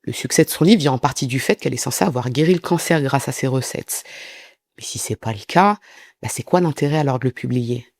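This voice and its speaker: A man's voice: mid-range voice, fairly quick, gravelly, no room sound. A man telling a true-crime story in a casual, chatty way, breaking off for asides to his viewers.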